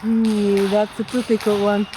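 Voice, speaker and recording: A woman's voice: medium pitch, unhurried, a little hiss or hum. Thoughtful woman athlete in her thirties. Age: 30s. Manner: relaxed, thoughtful, with fillers.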